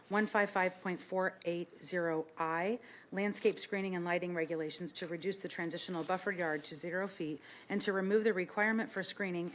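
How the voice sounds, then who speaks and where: A woman chairing a council meeting, formally reading out agenda items and procedure in a brisk, businesslike manner. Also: lowish voice, slight background noise. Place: indoor council meeting room.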